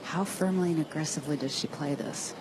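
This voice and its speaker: Low-voiced female golf analyst, noisy ambience. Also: a little fast. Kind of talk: analytical live commentary. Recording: clear outdoor ambient noise.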